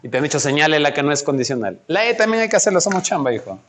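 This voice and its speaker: Racing along with a slightly high, fairly bright voice and big pitch swings, a math tutor coaches one student through logic problems. He stays patient and encouraging, asking question after question.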